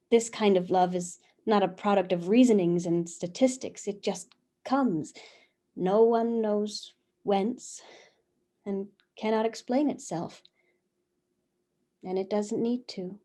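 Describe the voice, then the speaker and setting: A woman playing Eve, slow and heartfelt. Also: mid-range voice, dark tone, natural voice. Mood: devoted. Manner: earnest, lingering, heartfelt delivery. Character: first woman, passionate devoted young wife. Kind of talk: theatrical reading of a one-act play. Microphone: video call.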